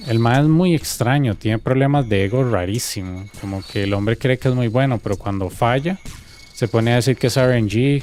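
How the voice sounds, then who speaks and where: Costa Rican guy on a game stream, mid-pitched voice, retells drama and acts out the other people's lines. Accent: Costa Rican Spanish. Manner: animated storytelling, acting out quoted dialogue. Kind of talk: casual gaming stream chat.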